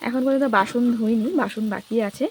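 A woman's voice: on the high side, fairly quick, heavy background noise. A young woman chatting to her viewers as she shows her household chores in a village home, filming on a phone. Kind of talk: casual vlog talk to viewers. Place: village home, partly outdoors.

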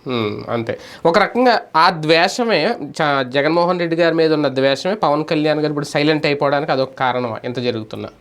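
A man's voice: fairly high pitch, fairly quick. A man hosting a political debate, humming along and putting short probing questions to his guest. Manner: listens with constant hums, asks short probing questions. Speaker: debate host.

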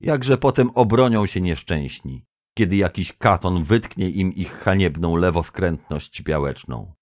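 A man voicing a thundering, pompous male alien delegate with a booming voice, reading out laws and denouncing the accused in a storybook reading. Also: lively intonation, a little slow, a little mellow. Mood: indignant oratory. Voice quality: stentorian, booming.

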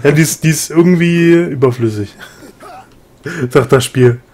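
A man's voice: a little high, measured pace. A man hosting a co-op game commentary, chatting and joking with his co-players. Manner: relaxed, joking banter with co-players. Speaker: let's play host. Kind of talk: casual gameplay commentary.

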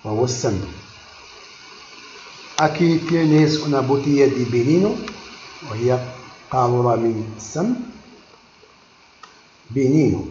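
A man teaching a vocabulary lesson, repeating each word slowly and explaining it, moving between languages. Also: medium pitch, expressive, dark tone, echoey room, highs cut off, a little hiss or hum.

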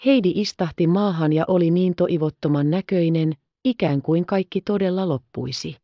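A woman narrating a children's audiobook in a measured storytelling manner. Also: fairly low pitch, dry recording, highs cut off.

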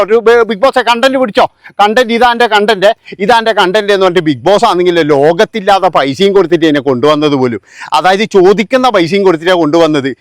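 A man with a notably high-pitched voice delivering sarcastic vlog commentary, scornful and mocking throughout. The sound is close and completely dry, with no trace of room. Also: no echo. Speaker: vlogger.

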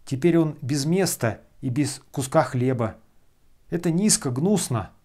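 A man voicing a brash, abusive freeloader who shouts and hurls insults. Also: a little high, expressive, unhurried.

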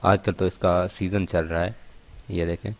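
A man demonstrating partridge care in a steady, explanatory vlog, repeatedly pointing things out to his viewers. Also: sits low, moderate pace, gravelly. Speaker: bird keeper showing partridge care.

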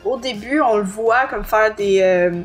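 A woman with a Quebec French accent co-hosts a podcast, summarizing and discussing a book's plot in a review. Her medium-pitched voice is unhurried, somewhat hesitant and self-correcting, with faint music behind her.

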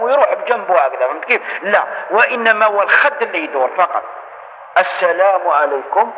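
A man's voice: high voice, slight background noise. A man with an Algerian accent giving a religious lesson to a gathering, demonstrating as he explains and often checking whether his listeners have understood. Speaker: religious teacher. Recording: tinny lo-fi recording with long hall reverb.

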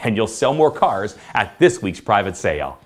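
A man's voice: on the low side, normal speed. A man who runs a sales company, giving an upbeat motivational sales lesson and acting out lines he uses with customers. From Canada. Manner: enthusiastic, animated, acts out customer quips.

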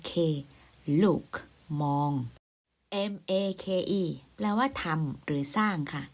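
A woman teaching simple English words in a slow, patient lesson. She repeats each word and spells it out letter by letter, in a polite, soft-spoken manner. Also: lowish voice.

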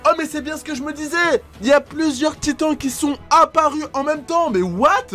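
Very high-voiced excitable man. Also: normal speed, soft background music. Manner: excitable, frequent exclamations and startled gasps. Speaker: YouTuber reacting to videos. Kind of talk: excited reaction commentary.

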